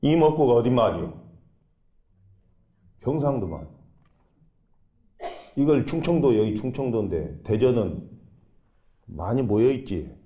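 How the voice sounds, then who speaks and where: A man who is a Buddhist monk, preaching a dharma talk and guiding meditation, emphatic, with sudden rises and soft, drawn-out instructions. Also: medium pitch, big pitch swings, muffled recording. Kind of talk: sermon with guided meditation. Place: temple dharma hall.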